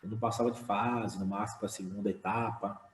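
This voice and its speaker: A man and slam poet talking casually on an online panel, with many fillers and lively retellings. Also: lowish voice, fairly quick, reverberant, rough recording. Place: home room.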